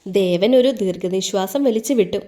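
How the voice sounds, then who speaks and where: A woman narrating a scripted story in a calm, steady way. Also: medium pitch, moderate pace.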